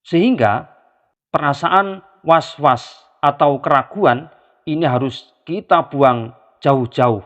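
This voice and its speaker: Calm man teaching in a reverberant room. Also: a little high, slow, long pauses. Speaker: spiritual teacher. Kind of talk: instructional talk. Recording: long reverb, dull lo-fi sound.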